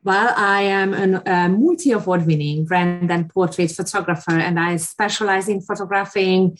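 A woman's voice: lowish voice, moderate pace, soft background music. A woman from Hungary, a non-native speaker, answering interview questions hesitantly and restarting often. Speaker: guest photographer.

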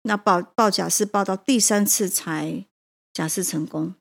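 A woman's voice: medium pitch, measured pace, gravelly. A woman, a prison teacher and café owner, telling a personal story with emotion and hesitant restarts.

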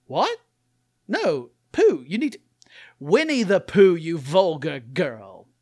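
A man's voice: sits high, very animated, takes it slowly, darkish tone, no echo, clean studio sound, full character voice. A man voicing a prim, posh young boy who scolds primly.

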